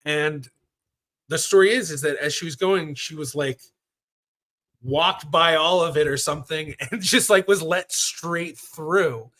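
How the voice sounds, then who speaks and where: A man's voice: a little high, unhurried, fairly bright tone. A man in his thirties, a professional genealogist hosting a casual livestream Q&A, talking in a chatty, rambling way with lots of fillers. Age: 30s.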